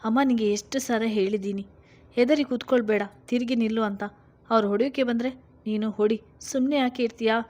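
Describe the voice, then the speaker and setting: A woman's voice: a little high, steady tone, a little fast, darkish tone, lightly acted. A woman voicing a worried young daughter who pleads with her father and urges her mother in a read-aloud story. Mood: urging. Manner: pleading, protective.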